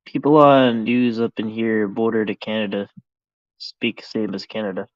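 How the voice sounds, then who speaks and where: A man's voice: fairly low pitch, little pitch movement, moderate pace, no room sound. An American man hosting a voice chat, talking in a laid-back, hesitant way. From United States. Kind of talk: casual chat. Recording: dull lo-fi sound.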